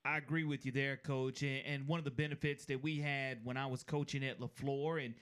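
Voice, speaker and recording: A man's voice: mid-range voice, level tone, a little fast, a bit bright, clear, resonant tone. A man hosting a sports radio show, upbeat and pushing his voice up on key facts.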